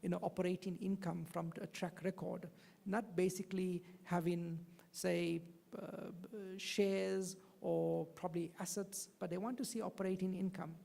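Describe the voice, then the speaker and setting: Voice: mid-range voice, flat delivery, moderate pace, vocal fry, warm tone. A panelist agreeing with an audience member and explaining in detail, with many fillers. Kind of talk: panel discussion. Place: conference hall. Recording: hall reverb.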